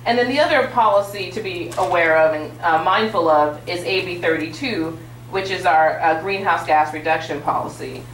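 A woman's voice: fairly low pitch, moderate pace, a little hiss or hum. A woman commissioner giving formal policy remarks on a panel, with many small fillers. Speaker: state utilities commissioner on a panel. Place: large auditorium stage with audience. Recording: roomy hall sound from a distance.

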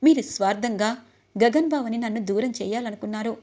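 A woman's voice: on the high side, brisk, a little mellow, close to an everyday voice. A woman voicing a devoted young bride, speaking earnestly and from the heart.

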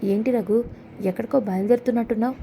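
A woman's voice: a little high, fast, gravelly, dark tone, a little hiss or hum. A teasing old grandmother, read by a woman narrator. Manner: teasing, affectionate. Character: warm older grandmother, gently teasing. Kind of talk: serial recap narration.

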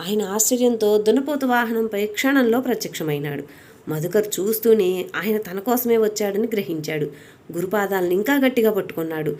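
A woman reading a scripted devotional story aloud. Her voice is mellow and dark-toned, with a middle pitch. She tells it at a steady, even pace.

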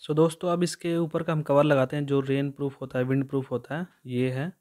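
Over loud background music, a chatty Indian camping vlogger walks through a how-to on an open hillside meadow, showing each step. His medium-pitched voice is flat and fairly quick, and "so doston" comes up again and again.

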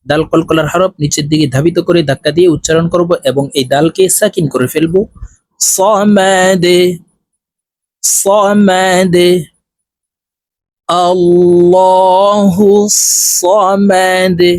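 A man's voice: on the high side, quick pace, few pauses, darkish tone, no echo. A man teaching Quran recitation, spelling out letters and vowel marks one by one in a patient, instructive way. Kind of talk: spoken tutorial lesson.

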